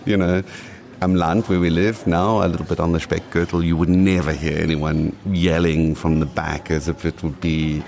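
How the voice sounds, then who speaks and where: Here the same kind of guest speaks: a South African man in his late forties with a deep, gravelly, slightly mellow voice. His pitch barely moves and his pace is normal as he rambles and restarts his sentences during a relaxed interview.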